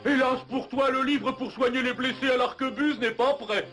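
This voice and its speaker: A boisterous cartoon giant hero, in a strikingly high voice. He is brash and cheerfully combative, relishing every taunt. Music runs loudly behind him on an old VHS soundtrack. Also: steady tone, moderate pace. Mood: gleeful, mocking. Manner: bellowing colourful threats and taunts. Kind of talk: French animated cartoon voice acting.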